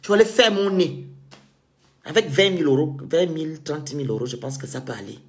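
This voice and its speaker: A man's voice: a little high, a little fast. A man from Cameroon, delivering an indignant, sarcastic monologue rant as a vlogger.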